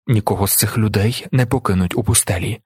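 A man voicing a blinded young male emperor who speaks in a steady, measured, commanding way with a husky voice. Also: fairly low pitch, dry recording, clean studio sound.

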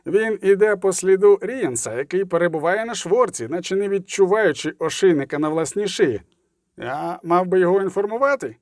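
A man's voice: high-pitched, animated, a little fast, a little mellow, no room sound, studio quality. A man doing a sneering, greedy old lawyer. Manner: sneering, sarcastic. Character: scheming crippled male lawyer, sardonic and greedy.

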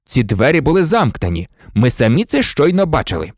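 A man's voice: mid-range voice, very animated, brisk, no room sound, studio quality. A man voicing a flustered, blustering male official who grumbles and barks in an audiobook. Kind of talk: audiobook character voice.

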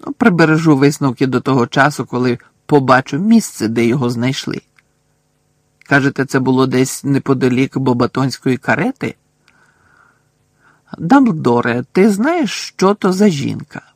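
A man with a gravelly, husky voice reading a story aloud and playing a pompous, defensive middle-aged male minister of magic in a blustering, dismissive way. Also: medium pitch, animated, moderate pace, no room sound. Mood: irritated.

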